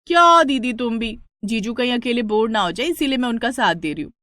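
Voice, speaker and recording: A woman's voice: fairly high pitch, animated, fairly quick, bright, forceful tone, dry recording, clean studio sound. Priyanka: vain, coquettish young woman, as a narrator voices her. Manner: coquettish, petulant. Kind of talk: storybook narration.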